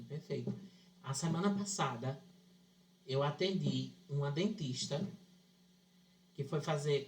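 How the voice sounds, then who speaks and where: A man teaching psychoanalysis to a class, explaining ideas through a case from his practice and often checking that his listeners follow. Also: a little high. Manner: explanatory, checks understanding with questions. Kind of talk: teaching with a clinical anecdote.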